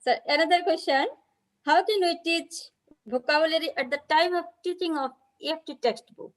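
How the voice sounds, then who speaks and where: A woman with a high, light voice moderates a webinar over a video call. She politely reads out questions from the chat. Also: brisk.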